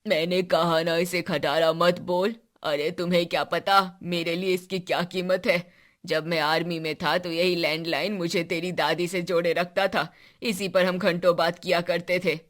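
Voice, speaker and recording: Woman doing a slow-talking sentimental old grandpa. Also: on the low side, flat delivery, lightly acted. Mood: nostalgic. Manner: slow, fond, scolding then gentle. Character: elderly grandfather, former soldier, sentimental.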